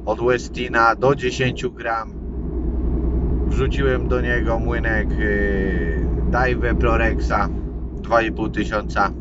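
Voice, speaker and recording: Male vlogger, 30s, slow casual delivery, muffled audio recorded in a moving car with loud road rumble. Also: flat delivery. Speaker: fishing vlogger. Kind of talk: casual vlog chat while driving. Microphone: camera mounted on dashboard.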